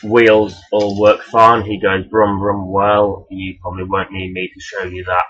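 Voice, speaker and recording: A man's voice: sits low, flat delivery, measured pace, fairly bright tone. A man giving a casual, rambling toy review in a hesitant, self-deprecating, blunt and sweary way. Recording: dull, lo-fi sound.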